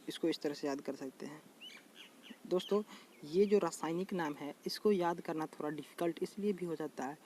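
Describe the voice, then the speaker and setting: Speaking on the high side with a warm tone, a man gives a casual general knowledge lesson full of repetition. He calls out to viewers as his friends and goes over terms slowly; faint noise sits behind him.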